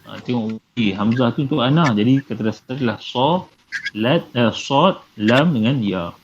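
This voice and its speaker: A man's voice: medium pitch, expressive, normal speed. A man teaching Arabic grammar to a live class, patiently repeating and translating terms with many fillers. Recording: dull lo-fi with faint noise.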